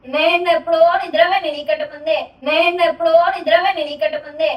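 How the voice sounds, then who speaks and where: A woman's voice: high voice, level tone, quick pace, dull audio, noisy background. A woman, defensively denying and retorting in an argument at home at night. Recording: roomy, distant mic.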